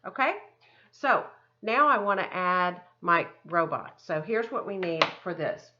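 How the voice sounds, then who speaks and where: On a dull lo-fi recording, a woman art teacher walks children through a craft lesson step by step, using simple, encouraging words and often thinking aloud. Her voice sits on the low side with lively intonation, an unhurried pace, and a sharp tone.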